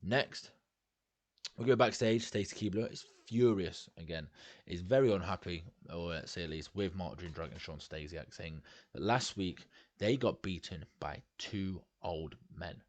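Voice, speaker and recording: A man with a very low, deep voice talks through a wrestling management game in a loose, rambling way, dropping swear words as he goes. His voice sits dry and close, with no room sound. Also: normal speed, no room sound. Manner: rambling, casual, swears freely. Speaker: let's play host.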